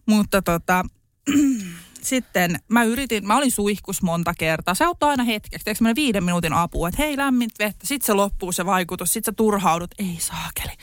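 A woman's voice: medium pitch, smooth, no echo. Candid laughing woman, dry sound. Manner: candid, laughing, swears freely, lively retelling. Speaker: podcast host telling her birth story. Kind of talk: casual chat.

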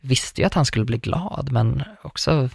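A man's voice: mid-range voice, gravelly, slightly rough, no echo, clean studio sound. Rambling young man telling a story. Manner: rambling, filler-heavy, warmly anecdotal. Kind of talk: casual storytelling chat.

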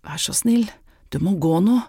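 Narrator voicing anxious young woman, urgent, pleading, raised pitch, dry. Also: animated, creaky, dark tone, husky, dry recording.

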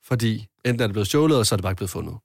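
A man co-hosting a podcast, reacting to a story with quick jokes. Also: lowish voice, animated, creaky, no room sound, studio quality. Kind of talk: casual chat.

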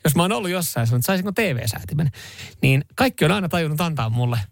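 A man's voice: on the high side, lively intonation, dry recording, clean studio sound. A man co-hosting a radio morning show, teasing and quizzing his co-host in casual banter. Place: radio studio. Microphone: studio microphone.

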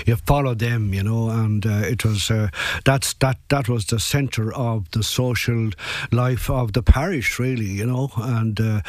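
A man's voice: lowish voice, no echo. An older man with an Irish Leitrim accent, reminiscing casually in a hesitant, plain-spoken way. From County Leitrim, Ireland. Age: 60s or older. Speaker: interview guest.

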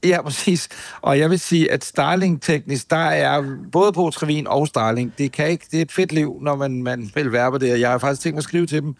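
A man's voice: a little high, creaky, dry recording. A man with a Danish accent co-hosting a podcast, chatty and joking, rambling with restarts. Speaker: podcast co-host. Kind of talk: casual chat.

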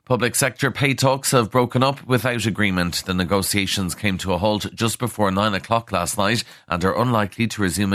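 A man's voice: deep voice, a bit bright, no room sound, studio quality. An Irish man reading a scripted radio news bulletin as a newsreader. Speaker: news reader. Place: dry studio.

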